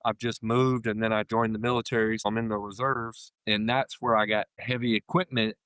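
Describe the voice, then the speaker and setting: Man, thirties, American accent, smooth clear tone, dry recording, informal rambling interview chat. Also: on the low side, level tone, a little fast, a bit bright, no echo. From Florida, United States. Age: 30s. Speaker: interview guest, union carpenter.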